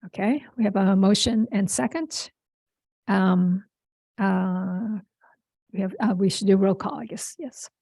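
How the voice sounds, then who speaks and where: A woman chairs a public board meeting in a hesitant, halting way. Her voice is gravelly and mellow. The sound is close and dry. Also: medium pitch, no room sound. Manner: hesitant, with many fillers and restarts.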